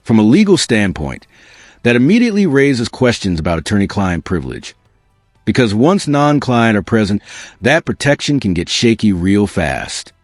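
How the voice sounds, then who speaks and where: A dry, close recording over faint music carries a man's legal commentary. His delivery is scripted, punchy and dramatic, with lively swings in a lowish voice. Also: normal speed, no echo. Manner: dramatic, punchy, addresses viewers directly.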